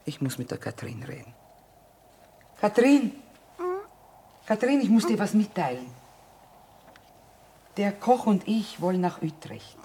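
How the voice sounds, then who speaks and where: A woman's voice: mid-range voice, big pitch swings, unhurried, long pauses, mellow, slight background noise. An actress playing a tough, stubborn middle-aged mother who trades from a wagon, blunt and commanding in a radio drama. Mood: firm, weary. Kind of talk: stage-like radio drama acting.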